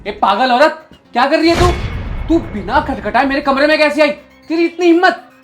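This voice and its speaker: An arrogant short-tempered young boss. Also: male voice, sits high, expressive, moderate pace, over music. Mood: angry scolding. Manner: harsh, contemptuous, bossy scolding. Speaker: employer scolding his maid. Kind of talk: short film acting.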